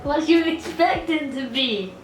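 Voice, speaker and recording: A woman's voice: sits high, expressive, moderate pace, noisy background. A woman chatting casually and teasingly as a companion in a food challenge video. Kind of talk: casual chat. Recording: roomy echo, music behind.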